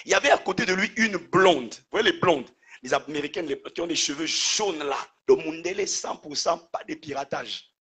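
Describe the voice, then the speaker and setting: A pastor preaching to his congregation, his voice a little husky and pitched fairly high. He punctuates his teaching with calls of praise and has the listeners repeat words back to him. The delivery is that of a man in full sermon. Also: moderate pace, sharp tone. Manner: preacher calling out "Alléluia" and "Amen", call-and-response with the congregation.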